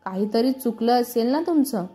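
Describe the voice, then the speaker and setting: A caring middle-aged mother speaks in a fond, reasoning tone, voiced by a woman narrator. The voice is mellow and fairly high, with faint music underneath. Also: moderate pace, close to an everyday voice.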